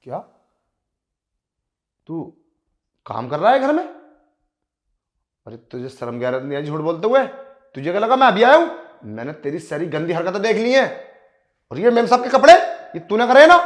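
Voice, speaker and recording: A furious husband shouts accusations at a servant and his wife in a short film drama, as a man plays him. His voice runs high and loud. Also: big pitch swings, moderate pace, pauses often. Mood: angry. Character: furious husband, master of the house.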